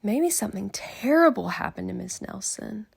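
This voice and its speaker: A woman voicing excitable, naughty young schoolchildren in a storybook, exclaiming their lines. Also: mid-range voice, moderate pace, creaky, slightly rough, exaggerated voice. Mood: guessing eagerly. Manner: exclaiming, crying out.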